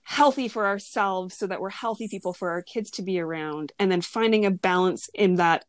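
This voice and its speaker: A woman's voice: medium pitch, moderate pace, no echo. A woman in her thirties talking earnestly and reflectively in a casual conversation, with lots of fillers.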